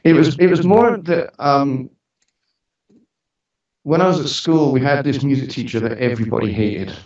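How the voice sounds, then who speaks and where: This interview guest is a musician and studio owner in his forties, from Scotland but brought up on the road across the UK, with a blended Scottish-British accent. He speaks at a moderate pace in a medium, somewhat dark voice, spinning informal, chatty anecdotes with a bit of humour. A distant mic in an echoey room gives the audio a dull quality.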